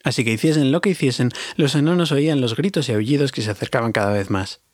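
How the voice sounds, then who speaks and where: Talking fast in a mid-range voice, this audiobook reader narrates a fantasy story with warmth, confiding in his listeners and speaking straight to them. The sound is clean studio audio without echo.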